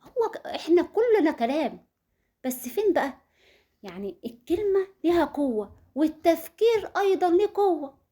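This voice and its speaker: A woman's voice: very high-pitched, sing-song, normal speed, warm tone. A woman with an Egyptian Arabic accent giving earnest marriage advice, speaking straight to her listeners and repeating words for emphasis. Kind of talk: advice talk to viewers.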